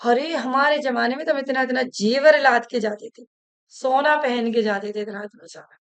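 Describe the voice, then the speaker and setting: A woman's voice: high-pitched, moderate pace. A woman doing a nagging old-fashioned mother-in-law. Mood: scolding. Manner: scolding, harks back to old days.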